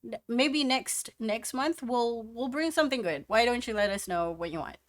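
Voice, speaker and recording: A woman's voice: fairly high pitch, animated, normal speed, voice pushed up, natural voice. A woman voicing meek, apologetic soldiers in a tabletop game. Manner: sheepish, apologetic.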